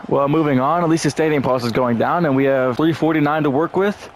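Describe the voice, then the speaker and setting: A young man giving casual gameplay commentary, frustrated and profane, now and then shouting at the game. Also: a little high, brisk, a little hiss or hum. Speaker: gaming YouTuber.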